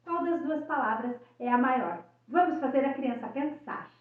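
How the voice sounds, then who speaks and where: A woman's voice: high-pitched, moderate pace. A woman giving a teaching lesson on early reading. She talks in a patient explaining manner, keeps checking in with the viewer, and stretches out syllables when she models words for children. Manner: frequent tag questions and checking in with the viewer. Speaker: educator. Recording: echoey, dull audio from a distance.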